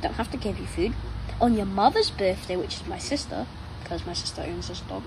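Talking fairly quickly with lively intonation in a mid-range voice, a nine-year-old vlogs while casually chatting to a pet dog. The affectionate, rambling talk takes place on an outdoor patio chair with noisy ambience.

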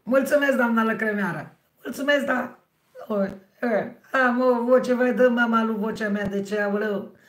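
A middle-aged woman with a hoarse, husky voice, hosting a livestream and chatting with her viewers by name. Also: a little high. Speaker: livestream host. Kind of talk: casual livestream chat with viewers. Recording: roomy, echoey sound.

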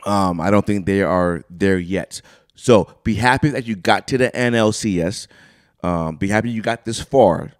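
A man's voice: lowish voice, normal speed, no room sound, studio quality. A man co-hosting a casual sports podcast, talking straight to his listeners with hyped-up energy. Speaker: podcast co-host. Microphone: studio microphone.

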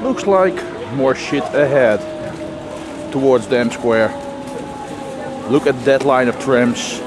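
Taking it slowly at medium pitch over music, a male vlogger shares casual, wry remarks about the sights around him. He speaks into a handheld camera outdoors on busy city streets, where street and traffic noise comes through clearly.

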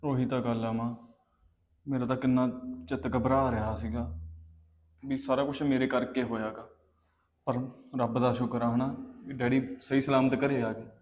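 A man's voice: medium pitch, normal speed, long pauses, natural voice. A young man acting a remorseful son who pleads with his mother about his father. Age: young adult. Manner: pleading, flat-voiced. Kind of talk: Punjabi web drama acting. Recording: dull recording with faint background noise.

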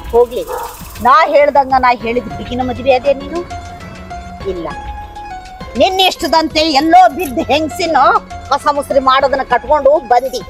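A woman's voice: high voice, natural voice. A woman with a North Karnataka accent playing a harsh, scolding stepmother-in-law in a village family drama skit. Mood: bitter. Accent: North Karnataka Kannada. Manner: taunting, scolding.

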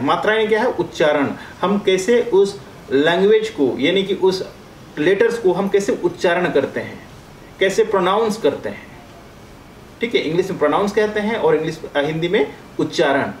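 A man's voice: high-pitched, roomy sound, a little hiss or hum, poor audio. A man from India working as a career coach, giving a step-by-step English lesson and drawing out vowel sounds as he explains. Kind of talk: classroom-style lesson.

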